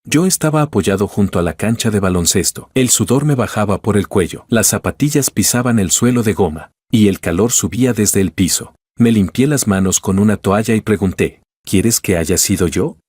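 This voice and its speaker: A man narrating a first-person story in a cool, measured way. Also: lowish voice, darkish tone, slightly rough, dry recording.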